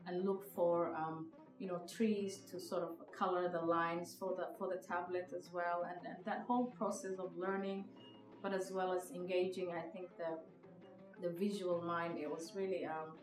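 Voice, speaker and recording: A woman's voice: lowish voice, level tone, moderate pace, distant mic. A woman from Somalia, in her thirties, telling her own story in a reflective, hesitant way with many fillers and restarts. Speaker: podcast guest, visual artist. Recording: echoey room, from the mic, music behind.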